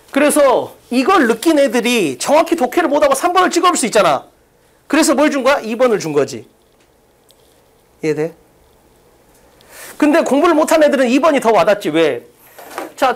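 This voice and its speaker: A woman teaching an English exam-prep class live in a classroom, firing off rhetorical questions and bluntly pushing her students. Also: high voice. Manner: blunt, teasing, occasionally crude. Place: classroom with blackboard.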